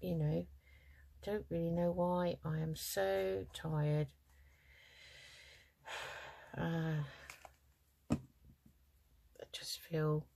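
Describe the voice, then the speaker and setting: A woman's voice: fairly low pitch, flat delivery, drawn-out words, creaky, pauses often, mellow. A middle-aged woman hosting a craft channel, talking casually and hesitantly through her project with many ums, tired and yawning. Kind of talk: casual crafting tutorial chat.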